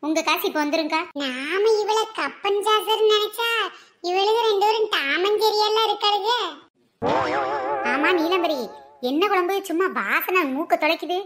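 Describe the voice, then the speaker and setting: A woman's voice: very high voice, normal speed, a bit bright. A woman with a sore throat, voicing several village women in teasing comic banter. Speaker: comedy skit performer.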